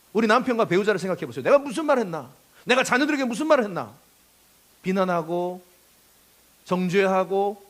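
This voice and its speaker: A man's voice: high voice, fairly bright tone. A man preaching a sermon as pastor, impassioned, acting out quoted speech and leading the congregation in call-and-response.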